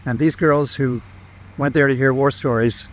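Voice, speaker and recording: A man's voice: medium pitch, steady tone, normal speed. A man speaking directly to someone, earnestly recalling a shared memory. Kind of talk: addressing a person directly in remembrance.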